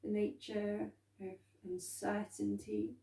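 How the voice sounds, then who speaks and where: A woman guides a calm grounding exercise in a soft, dark-toned voice. She speaks very slowly and gently, leaving room between phrases. The sound is a little distant from the microphone. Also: mid-range voice. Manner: calm, gentle, unhurried instruction with soft pauses. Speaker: meditation and movement instructor. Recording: roomy echo, distant from microphone.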